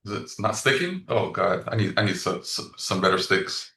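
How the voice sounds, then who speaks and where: Low-voiced man, laid-back, heard from across an echoey room on a call. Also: moderate pace. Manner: relaxed, agreeable, chuckling. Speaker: trader being coached. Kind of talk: casual coaching call. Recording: roomy, distant from mic.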